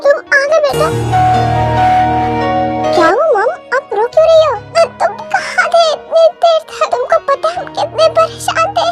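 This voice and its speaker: A woman's voice: very high-pitched, lively intonation, a little slow, pauses often, pitched above the performer's own voice. A woman playing a worried mother. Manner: anxious, scolding. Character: worried middle-aged mother. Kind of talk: Hindi fan dub of a romance. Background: music.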